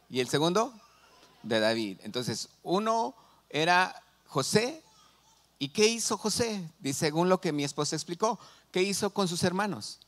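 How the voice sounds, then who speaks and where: A middle-aged man with a Mexican Spanish accent, preaching a sermon as pastor and asking the congregation questions. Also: on the high side. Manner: animated, asks the congregation questions.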